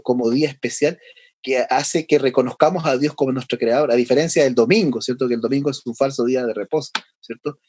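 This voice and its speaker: A male pastor giving a conversational Bible lesson, often pausing for tag questions and restarting his sentences. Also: mid-range voice, darkish tone, no room sound. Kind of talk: sermon.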